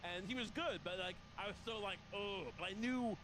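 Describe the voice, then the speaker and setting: A man's voice: sits high, normal speed, noisy background. A middle-aged man in casual comedic chat, talking in a rambling, self-deprecating way.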